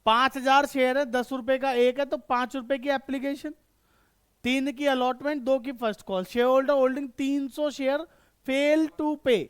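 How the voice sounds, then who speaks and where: A man's voice: very high voice, flat delivery, moderate pace, smooth. A man teaching an online accountancy class. He keeps asking his students questions, answers them himself, and keeps checking that they have understood.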